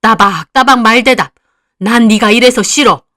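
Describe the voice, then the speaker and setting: A woman's voice: mid-range voice, normal speed, sharp tone, dry recording, studio quality, lightly acted. A woman voicing a cold, harsh middle-aged mother who scolds her daughter with contempt.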